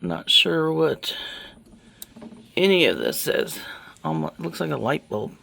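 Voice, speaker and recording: A vlogger, hoarse because of illness, chats slowly outdoors by a home while showing an old find and thinking aloud. The medium-pitched voice is sharp in tone with vocal fry and lively intonation, over slight background noise.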